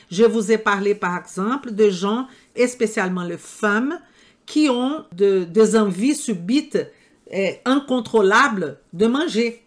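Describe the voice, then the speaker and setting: Older woman with a non-native accent, fairly high voice, slow emphatic lecture delivery. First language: not French. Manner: slow, emphatic, rhetorical questions. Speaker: nutrition trainer. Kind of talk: lecture to health professionals. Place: room with live audience.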